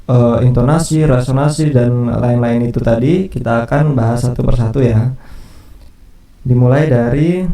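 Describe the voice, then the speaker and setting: Man explaining a singing lesson, dark roomy sound. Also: medium pitch, recorded from a distance. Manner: casual explaining with fillers and restarts. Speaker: music teacher. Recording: roomy echo, voice off from the mic.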